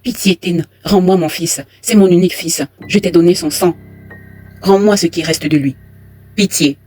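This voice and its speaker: A broken old village father pleading for his only son in a spoken horror tale, as a narrator puts him on. The voice is husky and breathy, and faint music plays underneath. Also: mid-range voice, steady tone, normal speed, a little mellow, natural voice. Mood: broken, begging. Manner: pleading, crying out.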